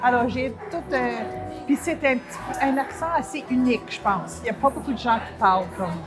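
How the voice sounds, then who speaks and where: A woman's voice: high voice, a little fast, music in the background. A woman with an accent mixing French, Saskatchewan and English, answering thoughtfully. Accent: mixed French, Saskatchewan and English. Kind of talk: casual interview answer.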